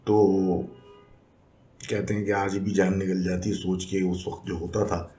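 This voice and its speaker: A man narrates listener-sent stories as a podcast host. His voice sits low and warm, and he talks in an unhurried, conversational way, slipping English phrases into his telling. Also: little pitch movement. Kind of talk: casual storytelling narration.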